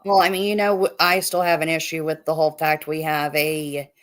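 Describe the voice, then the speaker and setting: A Midwestern woman co-hosting a casual podcast in a fairly low voice. She reads from her research notes and spells out some words letter by letter. Her tone stays conversational and unscripted. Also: little pitch movement, fairly quick. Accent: Midwestern American. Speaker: podcast co-host. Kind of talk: casual chat.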